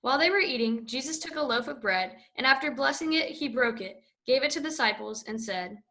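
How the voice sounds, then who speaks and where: A woman narrating a scripture reading in a steady, even read-aloud way. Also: high-pitched, a little fast.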